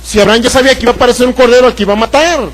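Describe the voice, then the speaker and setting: Speaking rapid-fire in a very high voice, a Mexican Spanish-accented pastor delivers a sermon, questioning the congregation and acting out the voices of the Bible story. The recording quality is low.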